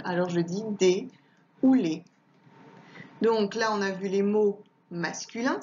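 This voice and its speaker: A woman teaching a young child at home, speaking slowly and patiently as she repeats each word and sounds out the letters. Her voice sits at an ordinary pitch for a woman. The recording is dull and lo-fi, with a faint hiss underneath. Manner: slow, patient, repeats words and spells out letters.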